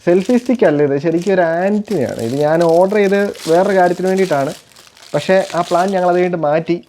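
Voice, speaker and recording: A man's voice: high voice, fast talker, warm tone, slight background noise. A father chatting casually while unboxing parcels, explaining each item and playing with his little daughter. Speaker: father and family vlogger.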